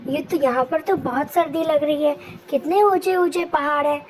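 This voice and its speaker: A woman's voice: high-pitched, fairly even intonation, normal speed, a little hiss or hum, natural voice, rough recording. A woman voicing a fatherly pigeon uncle in a cartoon, kindly and worried. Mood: concerned.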